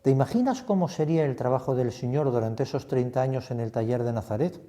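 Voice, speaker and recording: A man's voice: mid-range voice, quick pace, mellow. A man, a priest leading a retreat meditation, reflective and putting many questions to the listener.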